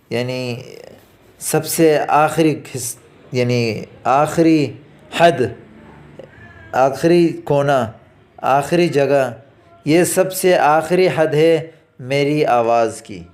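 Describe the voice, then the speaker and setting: In an academy lesson recording, a man with a slightly high, somewhat mellow voice teaches Arabic phrases to a class. He reads each phrase slowly and drawn-out, then explains it quickly in Urdu.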